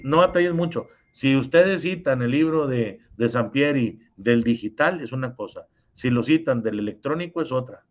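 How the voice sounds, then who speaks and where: A man's voice: medium pitch, muffled recording. Mexican male teacher explaining patiently. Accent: Mexican Spanish. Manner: explanatory, repeating points, often checks with "¿sí?". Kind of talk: review lesson over video call. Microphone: video call.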